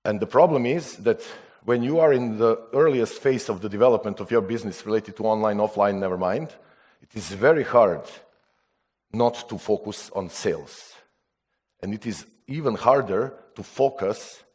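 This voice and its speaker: A man from Serbia speaking non-native English at a conference, halting with restarts and putting rhetorical questions to the audience. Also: lowish voice, a little mellow. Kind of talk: conference talk.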